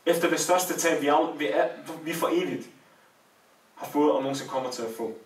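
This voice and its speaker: Man preaching in an echoey hall. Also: on the high side. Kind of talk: Islamic sermon storytelling. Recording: echoey room, voice from far off.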